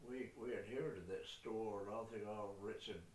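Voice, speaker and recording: An old man with a New Zealand accent spins a rambling yarn, dropping mild curses as he goes. His voice sits low. The recording is echoey and distant, with a faint hiss underneath. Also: fairly even intonation, moderate pace. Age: older. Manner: salty, peppers speech with mild swearing. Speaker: great-grandfather telling family stories. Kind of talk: rambling casual storytelling. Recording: echoey room, far from the mic, faint noise.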